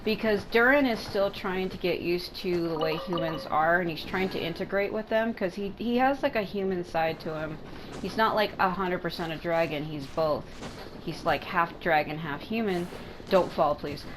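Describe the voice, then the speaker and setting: A woman with a lowish voice offers casual gameplay commentary at normal speed, rambling through her explanations and frequently rephrasing. She's a gaming content creator, and video game music plus some background noise sit behind her voice.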